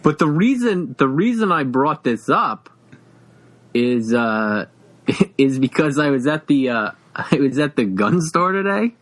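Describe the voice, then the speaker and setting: A man's voice: on the high side, big pitch swings, a bit bright, low-quality recording. A man co-hosting a podcast, chatting casually with lots of fillers and restarts. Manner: halting, many fillers and restarts, laughs often. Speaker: podcast co-host. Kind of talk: casual chat.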